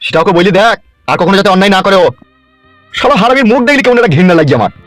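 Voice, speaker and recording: Man voicing a gruff cartoon father, scolding, slightly high voice, fast talker. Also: expressive, a bit bright, no echo, soft background music. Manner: scolding, blunt. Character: gruff scolding village father, middle-aged. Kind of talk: cartoon comedy voice acting.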